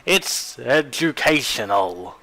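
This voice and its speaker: A man's voice: mid-range voice, lively intonation, sharp tone, soft background music, exaggerated voice. A man doing an unbothered Aussie drawl. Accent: broad Australian. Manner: slow, matter-of-fact drawl.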